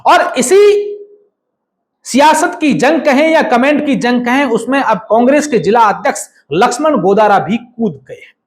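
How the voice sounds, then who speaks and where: A man giving measured, explanatory political news commentary, often adding hedging remarks. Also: very high-pitched, lively intonation.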